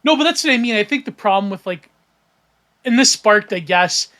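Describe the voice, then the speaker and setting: A man's voice: high-pitched, lively intonation, moderate pace, sharp tone. A man from Canada, hosting a casual podcast chat, rambling with many fillers and restarts. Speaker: podcast host.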